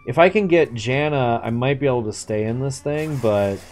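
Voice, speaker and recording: A man's voice: medium pitch, moderate pace, darkish tone, faint music behind. A man live-streaming a game, chatting and commenting casually with slangy, sweary speech.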